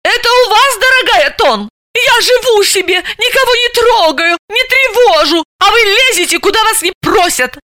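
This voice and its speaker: A woman voicing a jealous, quarrelsome young woman who screeches accusations in a shrill, very high voice. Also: very animated, moderate pace, hardly any pauses, pushed and bright, dry recording, clean studio sound, full character voice. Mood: shrieking.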